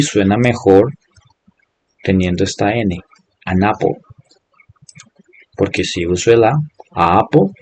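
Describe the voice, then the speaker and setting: A man's voice: lowish voice, darkish tone. A man teaching an English class in Spanish, patiently explaining and repeating each example step by step. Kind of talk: online class instruction.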